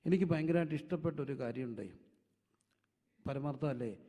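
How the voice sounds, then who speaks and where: Pastor preaching in echoing hall. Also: male voice, fairly high pitch, brisk. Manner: asks the congregation questions and answers them himself; swings between soft asides and loud emphatic peaks. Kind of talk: sermon. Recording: dull lo-fi sound with long hall reverb.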